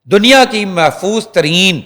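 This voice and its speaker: A male reporter on a TV talk show, telling stories in an animated way and addressing viewers directly. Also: high voice.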